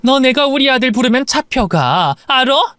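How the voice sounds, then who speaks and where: A man's voice: very high voice, sing-song, normal speed, pushed and bright, no echo, studio quality, exaggerated voice. A man voicing an indignant middle-aged mother standing up to bullies in a story drama. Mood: defiant.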